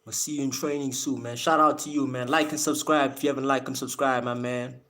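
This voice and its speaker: Talking fast with fairly even intonation, this live-stream host has a medium-pitched, fairly bright voice. His accent is South African with an American influence, and he chats casually with viewers about boxing, using slang and repeating phrases a lot.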